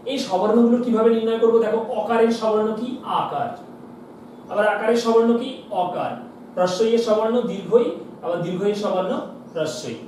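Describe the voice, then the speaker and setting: Standing at the board, a male teacher walks his class through a lesson step by step, asking questions and answering them himself, often adding "কেমন?". His voice is high and darkish, heard from far off in an echoey room with faint hiss.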